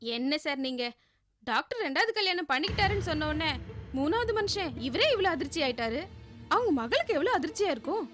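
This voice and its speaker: An actress playing a chatty, gossipy hospital receptionist in a TV serial. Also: female voice, very high-pitched, big pitch swings, quick pace, a bit bright, no echo, faint music behind, full character voice. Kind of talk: TV serial acting.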